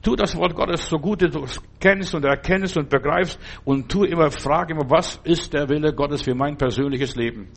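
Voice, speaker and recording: A man's voice: fairly high pitch, moderate pace, creaky, hardly any pauses. An older man giving an earnest sermon, exhorting his listeners and addressing them directly. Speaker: preacher.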